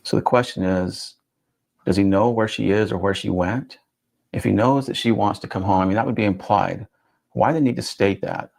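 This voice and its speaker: A man doing statement analysis in a measured, questioning way, dwelling on and repeating key phrases. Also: low-pitched, gravelly, darkish tone. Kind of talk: analytical commentary.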